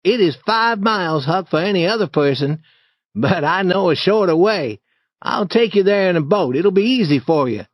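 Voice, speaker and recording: A man voicing a bold, eager boy who leads an adventure, in a raised, boyish pitch with lively storybook acting. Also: normal speed, dry recording. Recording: dry, slightly dull recording.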